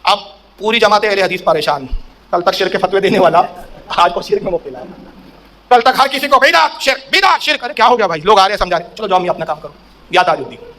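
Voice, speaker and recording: A man's voice: high voice, lively intonation, fairly bright tone. A man preaching a sermon in a storytelling way, acting out quoted speech with a raised voice.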